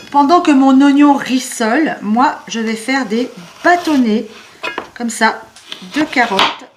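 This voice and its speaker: A woman hosting a home cooking show, chatting warmly and explaining each step of a recipe. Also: high-pitched. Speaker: cooking channel host. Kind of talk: cooking demonstration. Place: home kitchen.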